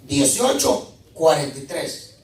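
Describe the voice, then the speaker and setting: Impassioned preacher in an echoey church. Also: male voice, fairly high pitch, big pitch swings, takes it slowly. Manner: impassioned preaching, swinging between shouts and quiet asides. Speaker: pastor. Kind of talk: sermon. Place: church hall. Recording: echoey church, mic at a distance.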